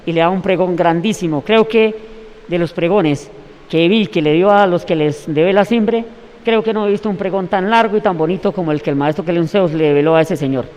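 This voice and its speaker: A man's voice: high voice, a little fast, a little mellow, big-room sound. A man telling a long story in an interview, rambling and restarting his words. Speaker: interviewee recounting events.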